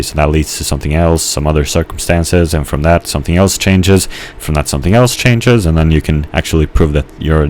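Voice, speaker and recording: A man's voice: a bass voice, darkish tone, a little hiss or hum. A man casually rambling while playing a game, hesitant, with many fillers and restarts. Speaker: gamer narrating his gameplay.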